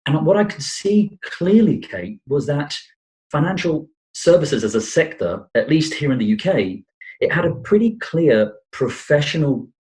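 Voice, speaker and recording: A man's voice: fairly high pitch, big pitch swings, measured pace, a little mellow, low-quality recording. Brazilian-born man, self-deprecating and rambling. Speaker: podcast guest, financial planner. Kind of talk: conversational interview.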